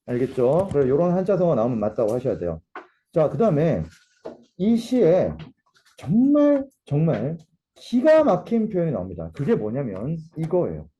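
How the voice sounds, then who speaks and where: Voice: mid-range voice, huge pitch swings, normal speed, warm tone, a little hiss or hum. A literature teacher giving a playful, dramatic classroom lecture and repeating key terms for emphasis. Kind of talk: classroom lecture with comic role-play. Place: academy classroom.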